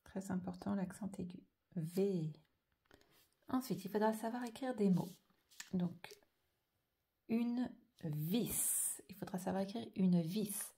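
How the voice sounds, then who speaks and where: A woman teaching a slow handwriting dictation lesson, carefully drawing out each sound and letter. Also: medium pitch, vocal fry, dark tone. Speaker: primary school teacher.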